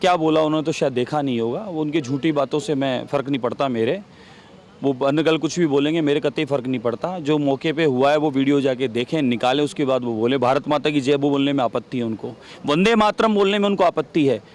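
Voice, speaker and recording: A man's voice: mid-range voice, fairly quick, darkish tone, a little hiss or hum. A man giving a heated interview as a legislator, combative, repeating rhetorical questions.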